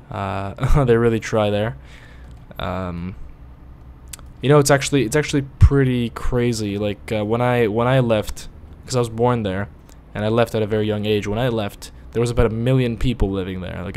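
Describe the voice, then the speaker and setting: Low-pitched, smooth and darkish in tone, a Latvian-native gaming host meanders through relaxed commentary on his play. When the driving goes badly, he swears and erupts in outbursts.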